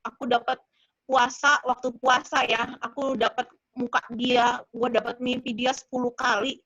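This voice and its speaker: A woman casually sharing her faith story, acting out prayers in a hushed voice and laughing often. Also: fairly high pitch, little pitch movement, normal speed, no echo, highs cut off. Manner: laughs often, mixes slang. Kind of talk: casual discussion.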